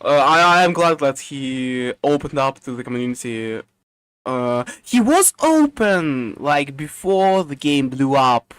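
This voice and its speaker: Halting man with a smooth voice. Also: mid-range voice, lively intonation, fairly bright tone, dry recording. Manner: halting, many fillers and restarts. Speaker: podcast co-host. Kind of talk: casual chat.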